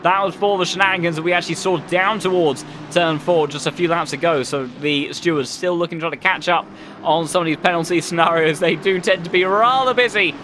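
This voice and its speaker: A man works as a motorsport commentator, calling the race in a high, bright and forceful voice. His play-by-play flows along descriptively with colourful phrasing, over faint background noise. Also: fairly quick. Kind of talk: live sim-racing race commentary.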